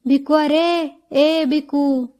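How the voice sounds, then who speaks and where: An impatient older village aunt, scolding and calling out in a high voice, as a woman narrator puts her on. An audiobook reading. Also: fairly even intonation, very slow, dark tone.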